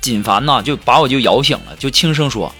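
A man telling short comic anecdotes in a lively monologue, acting out the people he quotes. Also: medium pitch, a little fast, breathy edge. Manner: animated, acts out quoted people in shifting voices. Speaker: comedic storyteller. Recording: with background music.

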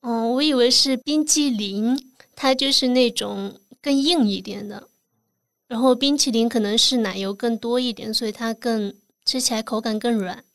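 A woman's voice: fairly high pitch, moderate pace, no room sound. A woman from southern China, co-hosting a casual chat and asking curious, attentive questions. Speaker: podcast co-host.

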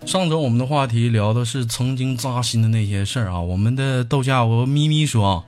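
A man's voice: medium pitch, a little fast, a little mellow. A male host with a Northeastern Mandarin accent, telling jokes in a teasing style. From Northeast China. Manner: jokey, teasing asides. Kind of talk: comedic joke podcast. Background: music.

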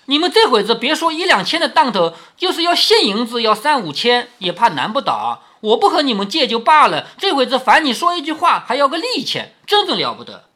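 A wheedling young nobleman coaxes and flatters, as a storyteller reads his part. The voice leaps up and down in a very lively way and sounds bright and forceful. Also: extremely high pitch, fairly quick, few pauses, pitched above the performer's own voice, full character voice. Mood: protesting. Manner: coaxing, flattering. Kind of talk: storytelling reading.

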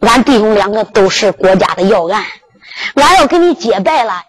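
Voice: medium pitch, animated, normal speed, a bit bright, breathy edge, faint music behind, poor audio. A storyteller with a Henan accent voicing a humble, grateful outlaw hero in a Henan zhuizi story. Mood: pleading.

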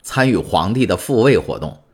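A desperate young sailor locked away for years pleads through a prison wall, as a man acts him out. His low voice rises and falls with feeling. It is an impassioned storybook reading. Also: expressive, moderate pace, husky. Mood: earnest. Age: 20s. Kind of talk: audiobook character voice.

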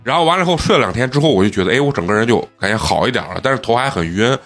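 A man, a podcast host telling stories in a casual chat, animated and often laughing. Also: mid-range voice, very fast.

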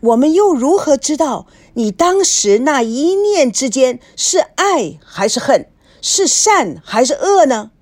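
A woman voicing a sharp, relentless female TV talk-show host who presses her guest with probing questions. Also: high-pitched, sing-song, slow pace, voice pushed up, exaggerated voice. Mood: pressing.

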